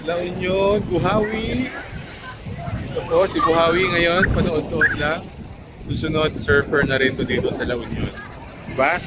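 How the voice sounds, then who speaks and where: Casual beach vlogger, man, chatty and warm with a baby, slightly high voice, on a handheld camera with surf noise behind. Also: steady tone, normal speed, a loud crowd. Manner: chatty, coos and teases a baby in a lifted voice. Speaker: travel vlogger. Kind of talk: casual vlog narration. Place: beach outdoors at sunset. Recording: outdoor noise from waves and wind. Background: sea and surf noise.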